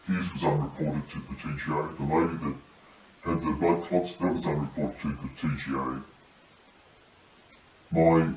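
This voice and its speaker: A man giving serious testimony as a paramedic whistleblower in measured, halting phrases, his voice electronically disguised to sound deep. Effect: disguised deep voice, electronically lowered. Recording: roomy echo, distant mic, faint noise.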